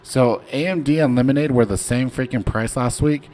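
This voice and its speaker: A young man hosts a casual stock trading livestream, talking loosely about charts in a laid-back, rambling way full of slang and fillers. He's hiccuping. His mid-range voice is a little mellow at normal speed, with slight background noise.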